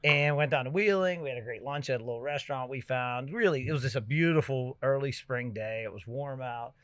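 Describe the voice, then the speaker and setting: A middle-aged man hosting a podcast, chatting casually and telling stories with loud bursts when he gets excited. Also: medium pitch, brisk, clean tone, dry recording. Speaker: podcast host. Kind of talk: casual chat.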